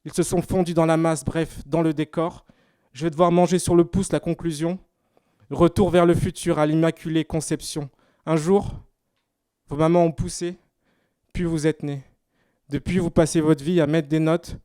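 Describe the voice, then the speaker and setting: A man's voice: on the high side, fairly even intonation, normal speed, dark tone, smooth, dry recording, studio quality. A man from Paris with a Parisian French accent, performing rhymed slam poetry at a live exhibition opening. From France, Paris. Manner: rhythmic rhymed spoken-word delivery. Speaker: slam poet.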